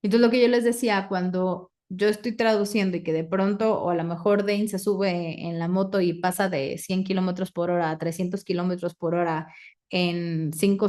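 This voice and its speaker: Woman facilitator, coaching a group, questions the audience, mid-pitched voice. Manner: asks the audience questions, recites clearing statements. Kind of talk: live group coaching session.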